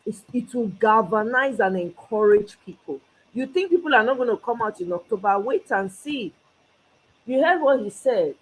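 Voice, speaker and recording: A Nigerian woman living abroad hosts her own channel of solo political commentary, speaking passionately and switching between English and Pidgin. Her voice is a little high and slightly rough, and the audio is poor.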